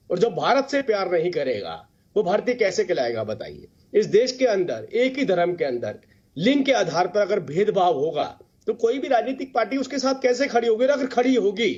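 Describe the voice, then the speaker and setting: Man, TV debate guest, husky, high-pitched, insistent, dull remote audio. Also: darkish tone. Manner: insistent, rhetorical, repeating phrases. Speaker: party spokesperson, debate guest. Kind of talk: TV panel debate.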